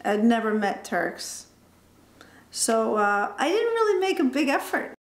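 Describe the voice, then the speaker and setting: A woman from central Massachusetts recalling her college years in an interview, halting with restarts. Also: a little high, very animated. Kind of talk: interview recollection. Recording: roomy echoey room.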